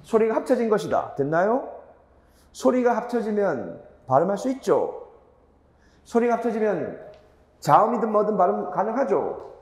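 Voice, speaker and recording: A man's voice: high voice, big pitch swings, moderate pace, pauses often, reverberant, in a large hall. A man teaching grammar in a lecture, asking students rhetorical questions and repeating key points with emphasis.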